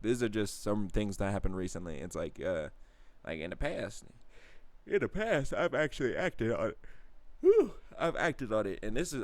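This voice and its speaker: A young man telling casual stories in slangy talk, often jumping into high-pitched exclaims. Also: no room sound. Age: young adult. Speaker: vlogger. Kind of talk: casual storytelling monologue.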